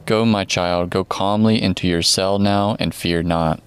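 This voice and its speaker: Man reading a kind older monk, gentle, concerned, deep voice, smooth. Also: steady tone, unhurried, no room sound. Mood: tender. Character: kind elderly male senior monk, gentle.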